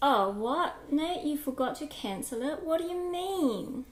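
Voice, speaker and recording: A woman streamer with a fairly high voice talks loosely and a bit scattered, greeting her viewers one by one. Her voice rings in an echoey home kitchen. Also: expressive, measured pace, a little hiss or hum. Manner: chatty, greets viewers by name, scattered and distracted. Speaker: live streamer. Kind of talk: casual live-stream chat.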